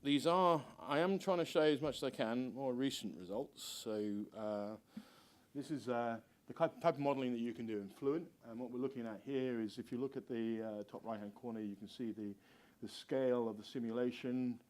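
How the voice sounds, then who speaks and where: In a lecture room before a seated audience, a middle-aged university researcher gives a conference presentation. His mid-range voice comes across informal, hesitant, and halting.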